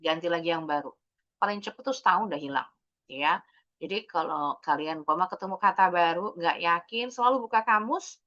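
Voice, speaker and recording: A woman's voice: lowish voice, brisk, sharp tone, muffled recording. An Indonesian woman teaching an English class, explaining patiently and mixing English words into her talk.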